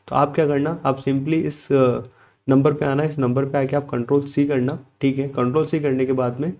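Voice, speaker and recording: A man's voice: fairly high pitch, warm tone, dull audio. A man tutoring a spreadsheet lesson step by step, often checking in with "okay" and asking his students' questions himself before he answers them. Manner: steps through clicks, repeating "theek hai" and posing students' questions himself. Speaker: computer tutor. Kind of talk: screen-recorded software tutorial.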